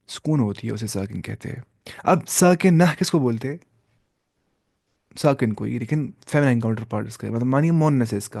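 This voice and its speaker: A man's voice: mid-range voice, creaky, darkish tone, dry recording, studio quality. A man teaching Quran reading in a class. He puts questions to the class, answers them himself, and repeats and stretches out sounds to demonstrate them. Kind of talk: classroom lesson.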